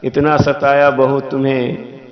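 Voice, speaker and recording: A man's voice: mid-range voice, monotone, takes it slowly, dull audio, lightly acted. A man voicing an older mother-in-law who is ashamed and tearful over how she treated her daughter-in-law, in his own everyday voice.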